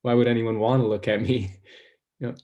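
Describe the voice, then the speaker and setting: Guy acting as a nervous young dude who rambles and trails off, mid pitch, stage play. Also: little pitch movement, lo-fi sound, lightly acted. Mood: rambling, ashamed. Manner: halting, rambling, trails off into quiet self-doubt. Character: anxious, self-conscious young man, recently fired.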